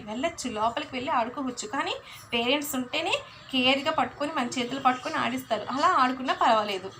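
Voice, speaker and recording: A young woman teaching a class of small children, her voice high and lively. She tells a cautionary tale in a coaxing way. She keeps stopping to ask the pupils questions. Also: a little hiss or hum. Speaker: school teacher. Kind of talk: storytelling lesson to young pupils.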